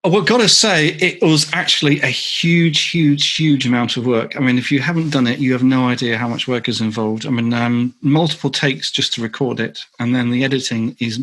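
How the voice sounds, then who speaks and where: North London male author on a video call, mid-pitch, loose rambling Q&A delivery. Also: moderate pace, a bit bright. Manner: rambling, self-correcting, lots of ums. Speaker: guest speaker, author. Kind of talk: online meetup Q&A answer.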